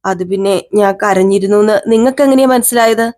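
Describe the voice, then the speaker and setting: A woman voicing a gentle young wife who answers her husband softly and bashfully. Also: mid-range voice, quick pace, lightly acted.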